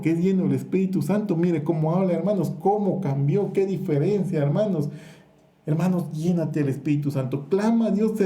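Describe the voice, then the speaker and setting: Fervent man preaching, very dark voice. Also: a little high, echoey room. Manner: fervent, addresses the congregation as brothers again and again. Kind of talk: sermon. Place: church.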